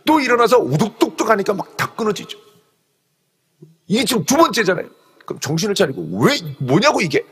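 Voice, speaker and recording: A man's voice: high-pitched, fast, long pauses, husky. A male pastor preaching an early-morning sermon, playfully acting out the story as he explains it. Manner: animated, playfully acts out the story. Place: church sanctuary. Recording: long hall reverb.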